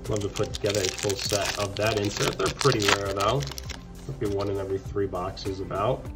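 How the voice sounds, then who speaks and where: A man's voice: on the low side, steady tone, fairly quick. A man chatting casually as he opens trading card packs, calling out each card and getting upbeat at the good ones. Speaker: card collector opening packs. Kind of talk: casual pack-opening commentary. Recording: background music under the voice.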